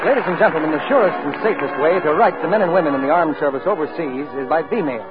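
A man's voice: fairly high pitch, quick pace. A man reading the announcements of a 1940s radio show in a formal, polished announcer style. The sound is that of an old-time radio broadcast. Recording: tinny lo-fi 1940s radio broadcast, faint music behind.

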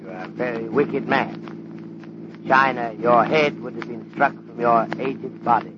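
In an old radio drama, a male actor of medium pitch plays a courteous yet stern Chinese police detective, speaking deliberate, ornate English that drops its articles. His performance is lightly acted, and the dull lo-fi recording has background noise.

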